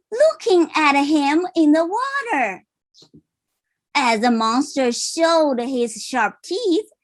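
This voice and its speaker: A parent reads a picture book aloud in a slow, high woman's voice, adding asides along the way. She keeps things simple and explanatory and checks in with her listeners.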